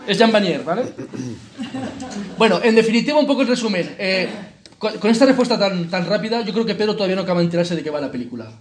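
Fast-talking Spanish man giving a retreat talk. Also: high-pitched, lively intonation. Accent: Spain. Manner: colloquial, full of rhetorical questions and tag words. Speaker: retreat leader.

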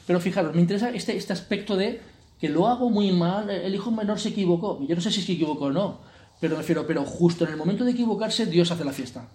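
A man's voice: high voice, fast talker, warm tone. Chatty man leading a retreat. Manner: conversational, peppers sentences with "¿eh?" and "¿no?"; jokey asides. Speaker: retreat leader. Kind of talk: informal spiritual retreat talk.

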